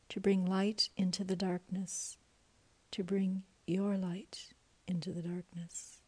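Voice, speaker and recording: A woman guides a meditation at a very slow, unhurried pace. Her voice is soft and breathy, often sinking into a whisper. Its tone is low and mellow.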